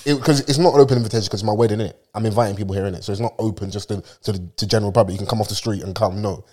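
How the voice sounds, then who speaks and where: A man's voice: on the low side, fairly even intonation, racing, a little mellow. A man chatting as a co-host in casual, jokey, slangy discussion. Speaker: talk show co-host.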